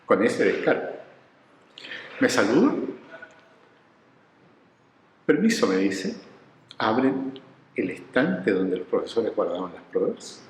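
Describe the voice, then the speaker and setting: A man's voice: fairly low pitch, measured pace, pauses often, roomy sound, long reverb tail, slight background noise, poor audio. A man, telling his research stories in an interview and acting out the people he quotes. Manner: animated storyteller who acts out quoted voices. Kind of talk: reflective storytelling interview.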